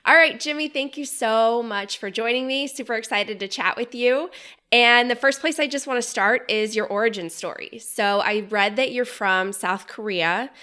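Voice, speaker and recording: A woman's voice: fairly high pitch, normal speed, bright, forceful tone, clear, resonant tone. A woman from Poland hosting a podcast, eagerly asking her guest about his background. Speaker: podcast host. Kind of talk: interviewing.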